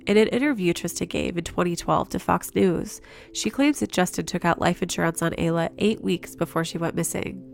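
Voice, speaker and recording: A woman hosting a podcast, telling a story in measured, earnest scripted narration. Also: on the low side, vocal fry. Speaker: podcast host.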